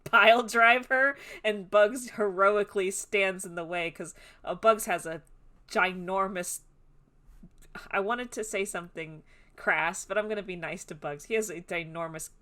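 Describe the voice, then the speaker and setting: A woman's voice: mid-range voice, unhurried, bright, forceful tone. A woman co-hosting a podcast in casual chat, rambling with many fillers and often breaking into giggles. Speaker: podcast co-host.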